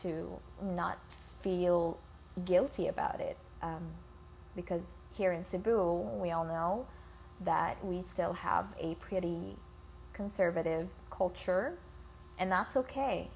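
Female podcast host, slow and fry-heavy, informal chat, phone-recorded with faint scratching behind. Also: lowish voice, darkish tone, a little hiss or hum. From Philippines. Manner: informal, swearing, addresses listeners as guys. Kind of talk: casual solo podcast intro. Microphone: iPhone.

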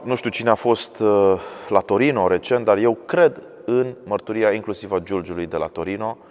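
A man's voice: deep voice, darkish tone, long reverb tail. A man in conversation who mostly offers short affirmations and speaks hesitantly when sharing his own views. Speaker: interviewer in the conversation. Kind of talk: conversational talk.

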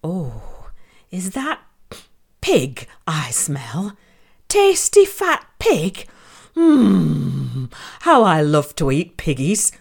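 A woman's voice: on the low side, huge pitch swings, very slow, gravelly, full character voice. A woman voicing a sly, hungry male wolf in a storybook, who coaxes and whispers. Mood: greedy. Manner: wheedling, sniffing and whispering.

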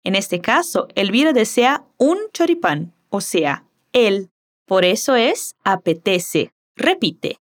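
A woman whose first language is Portuguese teaching a Spanish lesson, slowly modeling words and phrases for the listener to repeat. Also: mid-range voice, very animated. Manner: slow, careful modeling of words.

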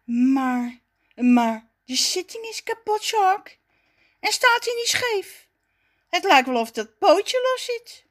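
A woman voicing an impatient, excitable young boy at his birthday party, squealing with delight in a children's story. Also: very high-pitched, unhurried, pitched above the performer's own voice, exaggerated voice. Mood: excited.

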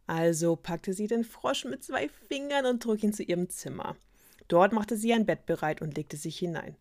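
A woman's voice: mid-range voice, animated, normal speed, darkish tone. Chatty woman retelling a fairy tale. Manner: chatty, ironic, with fillers. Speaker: podcast storyteller.

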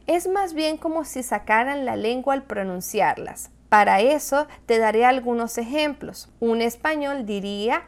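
A woman with a Latin American Spanish accent, a Spanish teacher giving a clear, explanatory video lesson who slows down for example words. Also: fairly high pitch, lively intonation.

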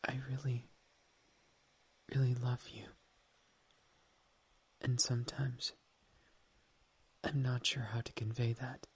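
Breathy, slow, intimate whisper. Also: mid-range voice, flat delivery. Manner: affectionate and teasing. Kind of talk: ASMR roleplay as a doting partner.

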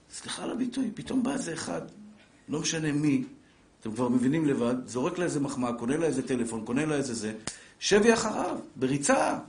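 Middle-aged guy giving a live class, jokey, talks right at the crowd, kinda high voice, echoey room. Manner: lively, jokey, talks straight to listeners and acts out family scenes. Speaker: Torah teacher. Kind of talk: live Torah lesson to an audience.

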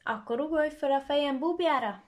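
A woman's voice: medium pitch, expressive, darkish tone, lightly acted. A woman voicing a sly, grinning fox in a storybook, speaking in a coaxing way.

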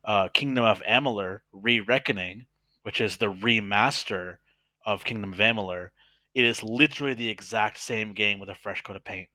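A man's voice: lowish voice, moderate pace, bright, forceful tone, no room sound, poor audio. A man co-hosting a podcast, chatting casually with friends. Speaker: podcast co-host. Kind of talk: casual banter.

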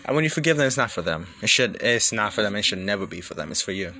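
A young Jamaican man, a student, reflects on his life in a casual, conversational way, thinking out loud and firing off emphatic rhetorical questions. His lowish voice is animated and sharp, and he talks fast.

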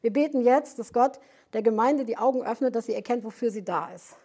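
A woman's voice, a little higher than most, with a dark, mellow tone. She teaches in an explanatory way, pausing on fillers and rephrasing as she goes. It sounds like a teaching session at a prayer house. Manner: explanatory, searching for words with frequent fillers and restarts.

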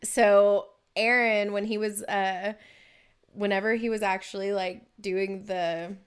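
A woman's voice: medium pitch, steady tone, takes it slowly, clear, resonant tone. A woman, a podcast co-host telling a true-crime story in a chatty way, often laughing and using fillers. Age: adult.

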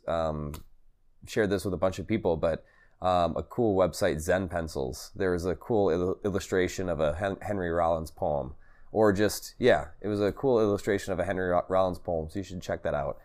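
A man with a low-pitched voice talks alone as the host of a podcast filmed for video. His delivery is halting and rambling, as he circles back, repeats phrases and corrects himself. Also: darkish tone. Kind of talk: solo vlog talk to camera, also a podcast. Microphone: recorded on camera for video and podcast.

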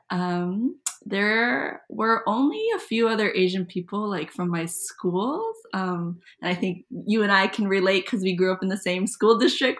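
A young woman from Minnesota, a middle school teacher, talking casually as an interview guest, with many ums and likes. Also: fairly low pitch. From Minnesota, USA. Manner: chatty, many ums and likes, laughs easily.

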